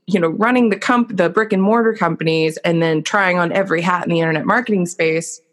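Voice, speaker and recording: A woman in her thirties, appearing as a podcast guest, tells her life story candidly in conversation. Her voice sits fairly low and she talks fast, sounding reflective and earnest with lots of filler words.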